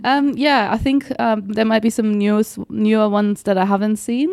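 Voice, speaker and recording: A woman's voice: mid-range voice, fairly even intonation, normal speed, creaky, a little mellow, no room sound, studio quality. A woman guesting on a podcast, chatting casually, hesitant and given to short replies. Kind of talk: casual chat.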